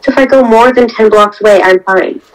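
A woman with a slightly high voice co-hosting a casual gaming video. She teases her partner and fires off quick protests as the game goes on. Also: poor audio. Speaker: gaming co-host.

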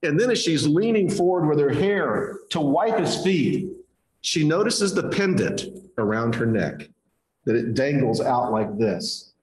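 A male pastor preaching a sermon in a church, telling the story in an animated way and acting out gestures. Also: on the high side, unhurried, roomy sound.

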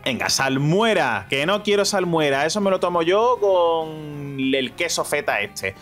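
Animated, playful man from Spain. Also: on the high side, unhurried, soft background music. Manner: playful, jokey, self-mocking, talks to viewers. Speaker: gaming YouTuber. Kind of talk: playthrough commentary.

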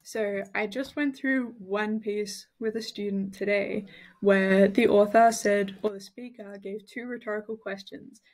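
A woman from Australia working as a tutor, giving an explanatory study-tips lesson in a clear, methodical way and showing emphasis with her own voice. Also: mid-range voice, fairly even intonation, measured pace, a little mellow.

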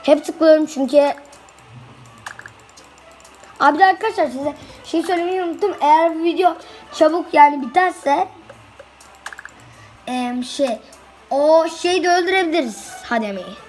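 A woman giving casual let's-play commentary, excitably chanting quick repeated commands at the game. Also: high-pitched, faint music behind. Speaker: gameplay video host.

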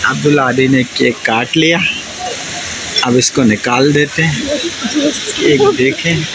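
Slow-talking man vlogging on a noisy phone. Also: mid-range voice. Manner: slow, chatty narration to the viewers, coaxing a child. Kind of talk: casual family vlog narration. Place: restaurant and themed cafe, partly outdoors.

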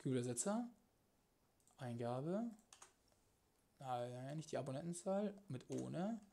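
A young man chatting casually on a live stream from his home kitchen, slangy and crude, swearing freely and swinging between mumbles and loud bursts. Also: mid-range voice, unhurried, vocal fry, slight background noise. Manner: excitable, jumps between mumbling and loud outbursts.

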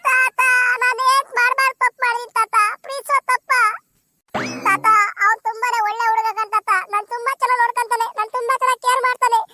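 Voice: very high voice, fairly even intonation, rapid-fire, pushed and bright, dry recording, clean studio sound, faint music behind. A voice actor playing a heartbroken young village woman in a cartoon comedy, pleading tearfully with her grandfather.

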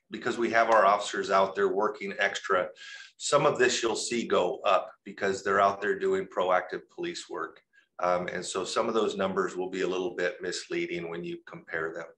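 A man, a police captain, walking a panel through crime data with many pauses and fillers. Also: fairly low pitch, fairly bright tone.

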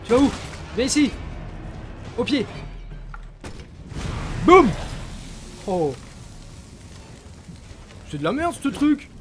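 Young man, gaming host, lively swinging pitch, swears constantly, yells at enemies during a let's play. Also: drawn-out words, pauses often, soft background music. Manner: excitable, swears a lot, shouts at enemies.

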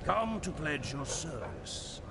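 An actor playing an imperious, menacing dark sorcerer in a video game, speaking slowly and theatrically. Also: male voice, on the high side, sing-song, gravelly, very noisy, exaggerated voice. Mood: imperious menace.

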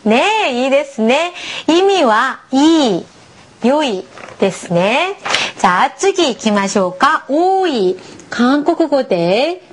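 Woman, language teacher, high lively voice, patient, encouraging, slow clear model pronunciation. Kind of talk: beginner language lesson for learners.

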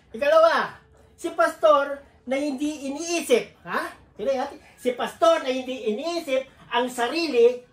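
Woman, preacher, sermon, chatty storyteller, high voice, roomy echo. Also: fairly bright tone. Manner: chatty storytelling, jokes with the congregation. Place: church.

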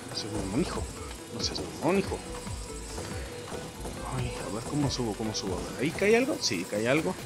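A young man with a Mexican Spanish accent giving casual, excitable gameplay commentary, swearing and yelping at the game. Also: mid-range voice, moderate pace, long pauses. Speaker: gameplay streamer. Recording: game music in the background.

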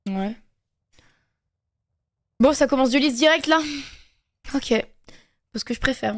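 A woman's voice: high-pitched, measured pace. A young woman streaming a game, chatting casually and laughing with friends. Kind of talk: casual gaming chat with friends.

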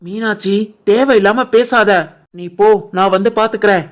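A woman voicing a protective older mother-in-law in an animated family cartoon, firm and scolding, with a Tirunelveli Tamil accent. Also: mid-range voice, moderate pace, close to an everyday voice. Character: caring older mother-in-law, protective, stern with her daughter.

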